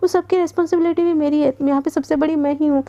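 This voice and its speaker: A woman's voice: high voice, fairly even intonation, quick pace, warm tone. A woman voicing Sarika, a stern, bossy senior young woman who scolds and gives orders in a storybook tale. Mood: scolding. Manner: scolding, commanding.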